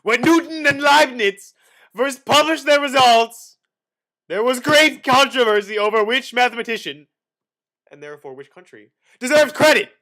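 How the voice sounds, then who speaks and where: A young man with a very high-pitched voice, a student, reads an encyclopedia article dramatically. His delivery is theatrical and exaggerated, jumping between sudden loud and hushed phrases, and the recording is rough.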